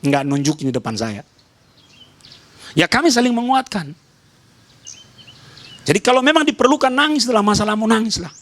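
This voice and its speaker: Speaking in a sing-song voice at normal speed with long pauses, a male pastor from Nias, Indonesia, gives an emphatic sermon. He alternates between loud calls and soft low asides, repeating short phrases as he speaks to the congregation.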